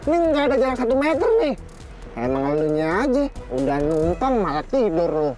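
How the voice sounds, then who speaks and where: A man's voice: fairly high pitch, a little fast, over music. An actor playing a chatty, teasing young man who talks. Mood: joking. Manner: loud teasing banter, lively swings. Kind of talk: sitcom acting.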